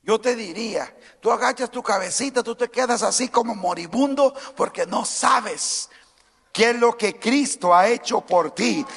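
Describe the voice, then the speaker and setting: A male pastor preaching a sermon, moving between calm teaching and shouted calls to move and praise. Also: very high-pitched, measured pace, vocal fry, slightly rough, long reverb tail. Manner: swings from quiet teaching to shouted exhortation; mimics timid churchgoers in a small mocking voice. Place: church sanctuary.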